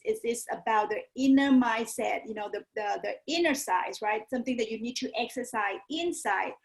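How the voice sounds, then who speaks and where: On a poor recording, a native Thai-speaking woman from Thailand, her voice a little high and Thai-accented, speaks as an interview guest. A yoga teacher and business coach, she talks in a personal, motivational way, often adding "right?" and "you know" to check in.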